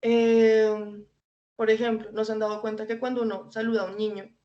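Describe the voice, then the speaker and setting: A woman's voice: fairly high pitch, flat delivery, moderate pace. A woman, an invited speaker giving an informal educational talk, conversational, with many fillers and light laughs. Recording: dull lo-fi recording.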